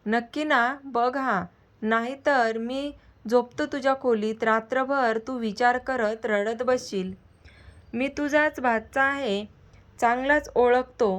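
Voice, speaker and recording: A protective, hot-tempered young man who pleads with his aunt and flares up quickly, as a woman storyteller reads him. His voice sits a little high, earnest and caring underneath the anger. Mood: affectionate.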